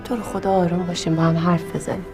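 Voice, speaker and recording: An actress playing a nervous woman who softly begs for calm and apologizes. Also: on the low side, roomy sound, far from the mic, music in the background, close to an everyday voice. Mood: pleading. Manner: soft, apologetic, placating. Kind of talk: TV drama acting.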